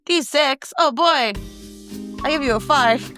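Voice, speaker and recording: A woman's voice: high-pitched, a little slow, fairly bright tone, faint music behind. A woman chatting casually and playfully as a player in a tabletop game. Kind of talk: casual, jokey chat.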